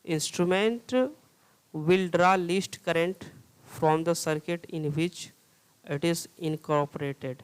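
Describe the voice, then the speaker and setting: Man, lecture style, slow, clear smooth voice, reads questions then explains. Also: a little high, poor audio. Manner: reads English questions slowly, explains in Hindi with repeated "theek hai". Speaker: teacher. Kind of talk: exam-prep lecture solving multiple-choice questions.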